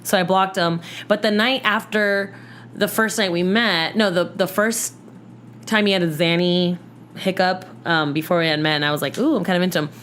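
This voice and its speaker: Animated woman telling a dating story. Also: fairly low pitch, moderate pace, a little hiss or hum. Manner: animated, acts out quotes, lots of "like". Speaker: podcast guest. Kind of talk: casual storytelling chat. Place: podcast studio.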